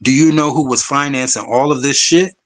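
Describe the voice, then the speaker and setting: A man's voice: medium pitch, fairly even intonation, brisk. A man tells his own story to a panel. He talks emphatically and bluntly, with a lot of swearing, like a conversation between friends.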